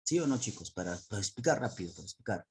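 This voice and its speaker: A man's voice: lowish voice, expressive, rapid-fire, a little mellow, husky. A man teacher explaining to a class over a video call, often repeating words, restarting phrases and asking questions.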